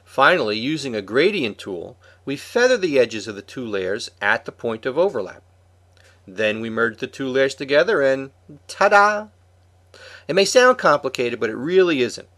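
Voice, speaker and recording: A man's voice: medium pitch, very animated, normal speed, fairly bright tone. A man co-hosting a podcast, reading a prepared script in an explanatory way. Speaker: podcast co-host.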